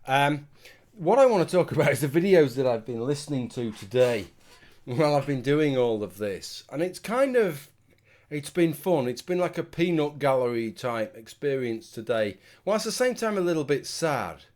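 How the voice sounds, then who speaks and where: A man's voice: fairly high pitch, animated, moderate pace, a little mellow. A British man giving a casual, rambling opinion monologue to his viewers in a tipsy, sweary manner. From United Kingdom. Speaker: video commentator.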